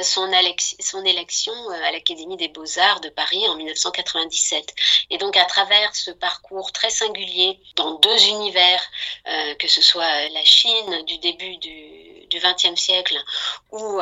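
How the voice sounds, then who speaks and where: Halting woman presenting films, bright tone. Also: on the low side. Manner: hesitant, many filler sounds and restarts. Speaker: film programme presenter. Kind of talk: unscripted spoken presentation. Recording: dull lo-fi recording.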